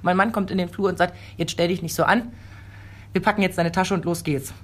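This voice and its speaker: A woman in her forties tells an anecdote in a relaxed conversation. Her voice sits a little low, and she brings the story alive by acting out quoted lines. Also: a little fast. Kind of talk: casual chat.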